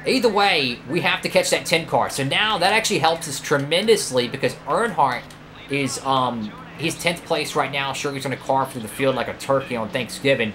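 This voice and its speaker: A man commentating live over his own racing game career run, excitable and prone to sudden outbursts at other drivers and his car. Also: medium pitch, background noise. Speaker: gaming YouTuber.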